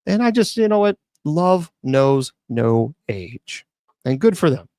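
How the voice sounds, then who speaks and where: On his open mic show, a man reads news stories aloud and then chats about them casually, restarting often. His voice is a little high and dark in tone, with big pitch swings and a slow pace, captured in a dry, studio-quality recording.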